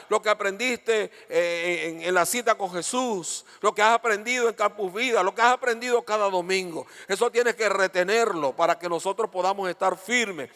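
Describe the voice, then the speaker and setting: A pastor preaches to his congregation, mixing stories with quick questions to the room. His voice sits high for a man and sounds bright and forceful. A long hall reverb trails his words. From Venezuela. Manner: lively storytelling with questions to the congregation. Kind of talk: sermon. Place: church auditorium.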